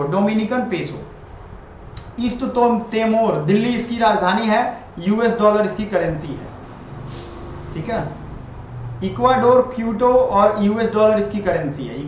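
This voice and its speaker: A man's voice: high voice, slight background noise. A man teaching an exam-prep lesson over a map, repeating each item and quizzing the viewer as he goes. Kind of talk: classroom-style lecture over a map. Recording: very echoey, dull lo-fi room sound.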